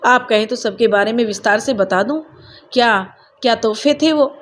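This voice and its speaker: A woman's voice: a little high, normal speed, slight background noise, natural voice. Woman putting on a stern, firm school principal. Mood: stern rebuke. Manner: firm and reproachful.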